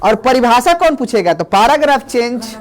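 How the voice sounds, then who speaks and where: A physics teacher in a classroom, dictating definitions slowly and repeating phrases, quizzing the class and calling students friend. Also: medium pitch, lively intonation. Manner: asks the class questions and calls them friend.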